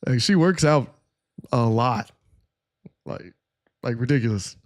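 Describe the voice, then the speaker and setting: A man's voice: medium pitch, lively intonation, slow pace. A man streaming his reactions, talking in a casual, rambling way full of "like". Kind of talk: reaction commentary.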